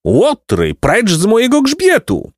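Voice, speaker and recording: A man's voice: mid-range voice, very animated, fairly quick, darkish tone, no echo, studio quality. A man voicing a pompous, stubborn male donkey who fancies himself a philosopher, in a lofty, ponderous storybook manner. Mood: indignant. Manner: lofty, ponderous, self-important. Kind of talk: audiobook reading of a children's tale.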